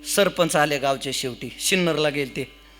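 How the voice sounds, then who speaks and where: A man's voice: fairly high pitch, moderate pace, loud music behind the voice. A man preaching a humorous devotional kirtan sermon, telling a village story and chanting verses.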